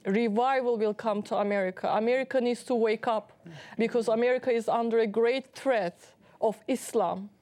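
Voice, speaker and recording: As a talk show guest, a woman with a heavy Turkish accent earnestly shares her personal story, often breaking into laughter. Her fairly high voice has a darkish tone and a moderate pace.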